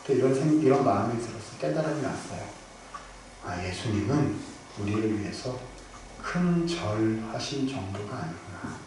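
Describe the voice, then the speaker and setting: A male pastor preaching a storytelling sermon, moving between loud bursts and hushed near-whispers. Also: medium pitch, animated, moderate pace. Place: church sanctuary. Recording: very echoey hall, from far off, noisy.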